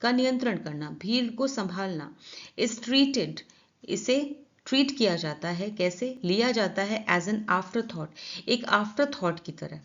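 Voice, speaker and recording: An Indian-accented woman teaches English, reading each line slowly before she explains it. Her voice sits at a middle pitch, and the recording sounds a little dull and lo-fi. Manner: reads English lines slowly, then explains in Hindi. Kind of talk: explaining a newspaper editorial.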